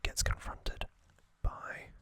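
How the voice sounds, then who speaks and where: In this ASMR recording, a male host keeps to a breathy, completely unvoiced whisper that has a bright, hissing quality. His delivery is unhurried and soft, with many pauses.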